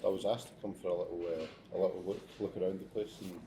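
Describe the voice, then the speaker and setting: A man's voice: sits low, fast, background noise. A Scottish man, a chef who teaches students, speaking steadily and plainly in an interview. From Scotland. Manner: steady, plain-spoken, with some restarts. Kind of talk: casual interview chat. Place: restaurant.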